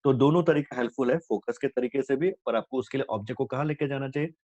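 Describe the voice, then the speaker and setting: Hindi physics teacher asking and answering himself. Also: male voice, medium pitch, fast talker, darkish tone, dry recording. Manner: repeats "है ना" constantly, asks and answers own questions; mixes English terms into Hindi. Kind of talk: explaining problems on a board. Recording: dull lo-fi dry recording.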